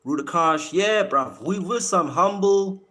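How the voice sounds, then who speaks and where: A man with a South African accent tinged with American hosts a casual live stream, chatting to viewers about boxing in slangy talk and often repeating his words and phrases. His voice sits high and is a bit bright, and he speaks at a measured pace.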